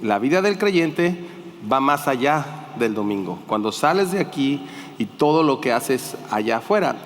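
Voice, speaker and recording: A slightly hoarse man preaching a sermon, emphatic and calling on the congregation to answer back. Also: medium pitch, expressive, normal speed, slight background noise. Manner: emphatic, calls for congregation responses. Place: church hall. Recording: long reverb of a church hall.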